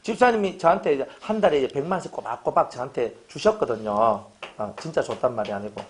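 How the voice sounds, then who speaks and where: Lively joking pastor. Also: male voice, medium pitch, fast talker. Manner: animated, joking, acts out little dialogues. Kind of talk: humorous sermon.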